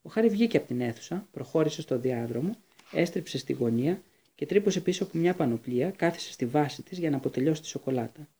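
A man reading a fantasy novel aloud as an audiobook narrator, with steady storytelling. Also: on the high side, breathy edge.

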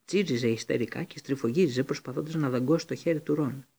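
Male audiobook reader, gravelly, husky tone, steady storybook reading. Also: medium pitch. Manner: steady reading, occasional slips and restarts. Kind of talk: storybook narration.

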